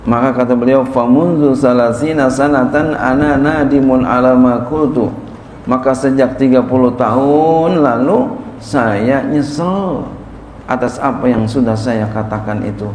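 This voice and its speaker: Kiai teaching in an echoey hall. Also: male voice, mid-range voice, a little slow, darkish tone, a little hiss or hum. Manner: reads Arabic then explains in casual Jakarta-style Indonesian. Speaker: kiai teaching a classical text. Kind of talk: sermon-style kitab study. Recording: echoey room with faint ambience.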